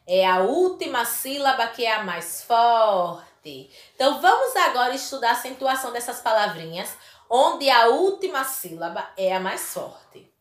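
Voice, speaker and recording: In an echoey room, a woman from Brazil leads a recorded children's primary class with warmth and emphasis, drawing out important words. Her slightly high voice is very animated yet unhurried.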